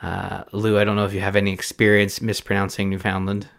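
Low-voiced Canadian man chatting casually. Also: monotone, fast talker, gravelly, fairly bright tone. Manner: rambling, chuckling, many restarts. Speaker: podcast host. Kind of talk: casual film podcast chat.

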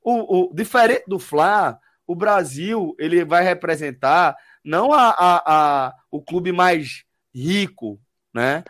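A Brazilian man hosting a casual football chat, pausing often with fillers. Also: high voice, expressive, fairly bright tone, no echo, studio quality. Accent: Brazilian Portuguese. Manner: hesitant, fills with "é". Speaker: show host.

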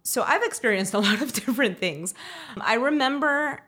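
A woman from Miami co-hosting a casual chat, relaxed and chatty, dropping in Spanish words. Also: a little high, normal speed. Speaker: podcast co-host.

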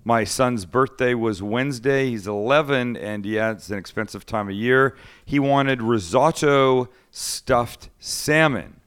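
A man's voice: mid-range voice, measured pace, a bit bright, smooth. A middle-aged man hosting a podcast, chatting casually in a rambling, joking, teasing way. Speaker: podcast host. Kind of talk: casual chat.

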